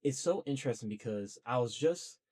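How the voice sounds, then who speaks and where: A young man hosting a podcast speaks in a mid-range voice that is animated, fairly quick and a little mellow. He rambles loosely and earnestly to camera about getting a podcast started, talking at length and pushing himself along in a casual solo monologue.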